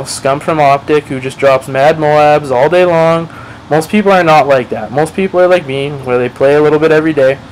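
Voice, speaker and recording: A man's voice: medium pitch, slight background noise, poor audio. A man giving casual gameplay commentary over a match, rambling, swearing freely and playing himself down. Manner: rambling, profane, self-deprecating. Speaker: gaming commentator.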